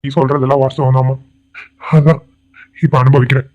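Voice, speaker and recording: A man's voice: mid-range voice, level tone, a little fast, warm tone, lightly acted. A man voicing a remorseful, self-pitying middle-aged man who drinks, pleading and lamenting in a cartoon drama. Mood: sorrowful. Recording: tinny phone-like sound.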